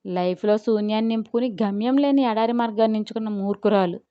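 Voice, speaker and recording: A woman's voice: medium pitch, quick pace, smooth, no echo, dull audio, natural voice. Woman voicing a doting, teasing young lover. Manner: teasing, sweet-talking.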